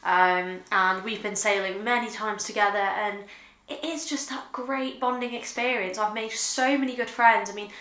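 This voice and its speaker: A woman's voice: medium pitch, steady tone, moderate pace, fairly bright tone. Earnest young woman in an echoey room. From United Kingdom. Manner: earnest and reflective, with frequent fillers. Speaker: vlogger. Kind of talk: casual talk to camera. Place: living room with sofa, indoors.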